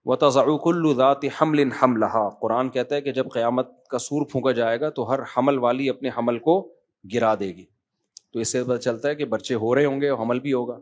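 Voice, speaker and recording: A man's voice: medium pitch, fairly even intonation, darkish tone. A middle-aged man with a Pakistani Urdu accent, a tired cleric reading out written questions and answering them in a conversational sermon, often calling listeners brother.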